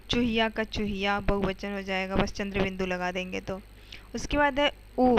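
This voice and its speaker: A woman's voice: medium pitch, a bit bright, a little hiss or hum, poor audio. A woman teacher explaining grammar to schoolchildren step by step, often checking in with "okay" and asking the students questions. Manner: addresses students directly with questions.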